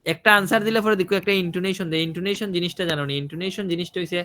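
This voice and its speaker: A man's voice: high-pitched, fairly even intonation, rapid-fire, pushed and bright. A man teaching an IELTS listening class, asking his students questions and repeating his points. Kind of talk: online listening class, explaining in Bengali.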